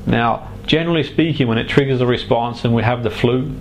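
Man, hypnotherapist, medium pitch, gravelly fry, deliberate halting phrases, guided-session style, slight background noise. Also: rough recording. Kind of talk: guided relaxation and explanation to a client.

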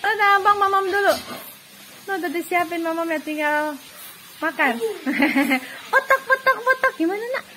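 A woman's voice: extremely high pitch, steady tone, normal speed, sharp tone, slight background noise. A woman filming children for a family vlog, cooing, cheering and laughing often as she talks to them. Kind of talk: casual family vlog chatter.

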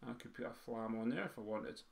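A man leads a beginners' music writing lesson for pipe band drummers. He counts the beats out loud and sings the rhythms in drum syllables. Now and then he stops to quiz his students. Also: medium pitch, a little fast, creaky. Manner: quizzes the students. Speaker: drum teacher. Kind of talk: teaching a music theory lesson.

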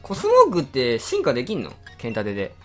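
Animated man reacting to a game. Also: medium pitch, soft background music. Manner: excitable, exclaiming reactions and rapid grumbling. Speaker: game channel host. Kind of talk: live game commentary.

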